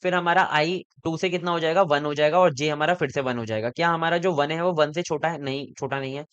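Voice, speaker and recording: A man's voice: a little high, brisk, fairly bright tone, clear, resonant tone, no echo, muffled recording. A young man teaching a programming lesson, walking through loops step by step, asking and answering his own questions and often checking in with the viewer. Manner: often checks in with "theek hai". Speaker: programming tutor. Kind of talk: exam-prep coding lesson.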